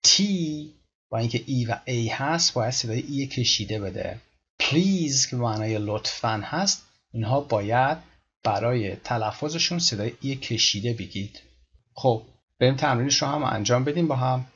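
A man teaching English pronunciation, patiently repeating words slowly to demonstrate. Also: mid-range voice, fairly bright tone, husky, lo-fi sound. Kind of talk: explaining pronunciation in a lesson.

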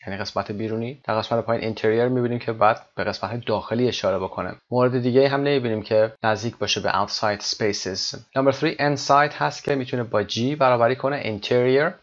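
A man teaching English exam reading, reading English phrases slowly and then explaining them. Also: mid-range voice, steady tone. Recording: dull lo-fi recording.

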